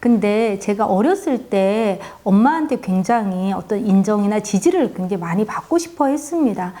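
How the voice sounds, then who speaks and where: A woman and mother gives a reflective talk on raising children, speaking earnestly and confessionally and gently stressing the ends of her phrases. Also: mid-range voice, expressive, moderate pace. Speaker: parenting educator and mother.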